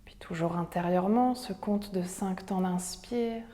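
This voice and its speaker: Slow, soft woman guiding breathwork, long reverb. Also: on the low side. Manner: soothing, measured counting and instructions. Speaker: breathing and yoga instructor. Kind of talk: guided breathing meditation.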